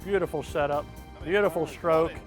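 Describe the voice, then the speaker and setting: A high-voiced man gives golf commentary in an effusive, encouraging way. He sounds like an excited contest host, exclaiming over each shot outdoors, with music clearly playing behind him. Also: moderate pace.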